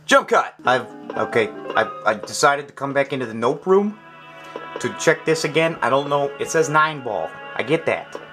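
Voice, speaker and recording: A man doing let's play commentary with a very animated voice that jumps all over its range. He mutters to himself, swears freely and sounds fed up with a puzzle, over faint game music. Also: medium pitch, normal speed. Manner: frustrated, swearing, talking to himself. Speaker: gaming channel host.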